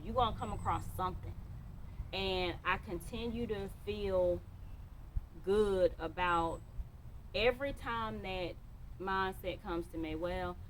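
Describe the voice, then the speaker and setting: A woman's voice: medium pitch, noisy background. A woman giving a motivational monologue to camera, emphatic and repeating phrases for stress. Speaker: motivational speaker.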